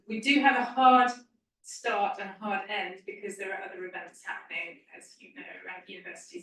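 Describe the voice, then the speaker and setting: A woman's voice: medium pitch, bright, forceful tone. A woman introducing a guest and hosting an onstage interview at a university event, with frequent ums. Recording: echoey hall from far off.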